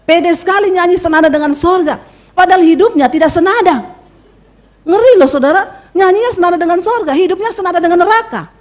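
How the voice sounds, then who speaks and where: A woman pastor delivers a sermon in a high, bright-toned voice. She tells her story vividly, slipping into the voices of the people in it and turning often to address her congregation.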